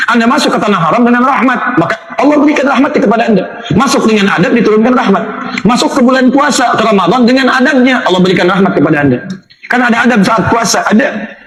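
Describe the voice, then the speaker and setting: A man preaching a sermon to a live audience, telling stories in an animated way. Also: very high-pitched, fast, crowd noise. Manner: animated storytelling, voices the people in his stories. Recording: roomy hall with an audience.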